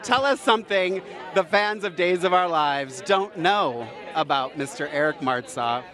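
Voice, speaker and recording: Gushing red carpet host, bright high-pitched man. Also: animated, a little slow. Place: outdoors on a busy red carpet. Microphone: handheld microphone. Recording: outdoor event with crowd chatter.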